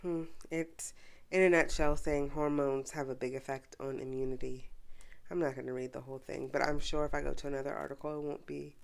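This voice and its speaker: A young woman co-hosts a casual podcast with her partner, congested from a cold, chatting, teasing and reading search results aloud. Her low, creaky voice has fairly even intonation and moves a little fast.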